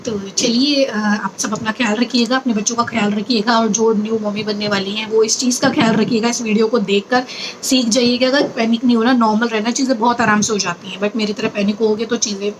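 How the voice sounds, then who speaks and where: A woman's voice: a little high, fairly even intonation, a little fast, a little hiss or hum, rough recording. A young woman vlogger telling a personal story in a chatty, earnest way, mixing in English words. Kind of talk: casual storytelling to camera.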